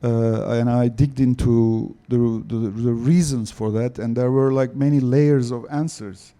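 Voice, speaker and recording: A male panelist answers audience questions slowly and haltingly, filling pauses with "uh" and "um". His voice is very dark and mellow, and he takes his time. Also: mid-range voice, fairly even intonation. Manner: slow, halting, many fillers. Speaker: panelist, former diplomat.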